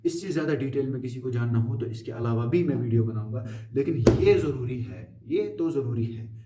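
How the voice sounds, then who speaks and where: A man's voice: mid-range voice, lively intonation, far from the mic, heavy background noise. Coaxing male teacher in an echoey room. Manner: coaxing, repeatedly pleading with viewers to memorize; chants verb forms in quick drilled lists. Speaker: Arabic grammar teacher. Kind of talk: classroom-style grammar lesson. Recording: echoey room, voice from away from the mic.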